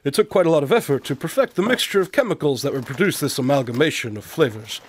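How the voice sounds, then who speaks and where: Here a fairly high, husky male voice speaks quickly, playing a condescending and eccentric detective-inventor for radio drama. His smug, matter-of-fact delivery stays formal, precise and calmly pompous.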